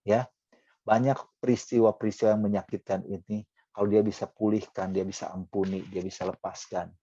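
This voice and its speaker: A middle-aged man preaching a conversational sermon with animated pitch jumps for emphasis, often dropping in English phrases. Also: brisk, dull audio.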